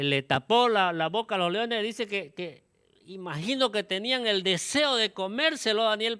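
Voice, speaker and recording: Smooth-voiced male preacher, dry sound. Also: high-pitched, bright, forceful tone, dry recording. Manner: tags phrases with a questioning "¿no?" and "este" fillers. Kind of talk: sermon.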